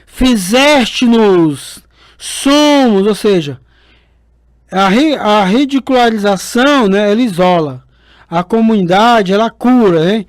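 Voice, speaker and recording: A man's voice: high-pitched, lively intonation, slow, dry recording. A man, a priest giving a chatty radio sermon with advice, often adding little tags and calling listeners dear. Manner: chatty, fond tags like "né" and "queridos". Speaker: priest and radio show host. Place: radio studio.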